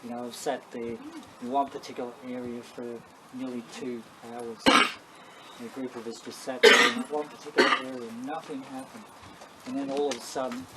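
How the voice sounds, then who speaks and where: An Australian man giving a casual, rambling, matter-of-fact talk to a group as a paranormal investigator, telling anecdotes. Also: medium pitch. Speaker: paranormal investigator leading a session. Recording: clearly noisy live ambient recording.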